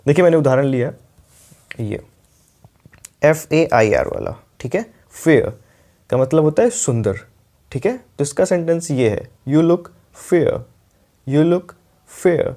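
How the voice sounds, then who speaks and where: A young man teaching an English grammar lesson, with an Indian accent, explaining patiently and repeating example sentences slowly. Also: on the high side, big pitch swings, dark tone.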